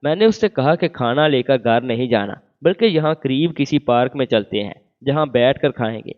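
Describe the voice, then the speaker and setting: A man reading a romantic first-person story as scripted narration, voicing every part in the same even voice. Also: medium pitch. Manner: reads all parts in one even voice. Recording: phone-like narrow band.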